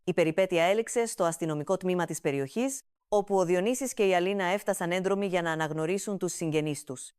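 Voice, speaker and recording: A woman narrating a comic family story with an even, steady storytelling delivery, recorded close to the mic. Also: lowish voice, few pauses, smooth, no room sound.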